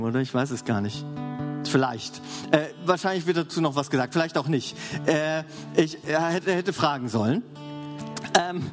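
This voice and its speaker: Lively preacher man in a big hall. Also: a little high. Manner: lively, conversational, asks the congregation for agreement. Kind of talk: sermon. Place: large church hall. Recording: long hall reverb, faint music behind.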